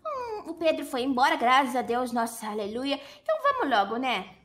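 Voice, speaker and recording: A woman's voice: high voice, very animated, fairly quick, fairly bright tone. A woman in a Minecraft role-play, sassy and dismissive.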